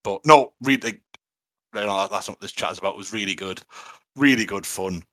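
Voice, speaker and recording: A man chatting enthusiastically about tabletop games, full of fillers and quick to laugh. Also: lowish voice, fairly bright tone, no echo, low-quality recording. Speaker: tabletop wargame player. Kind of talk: casual chat.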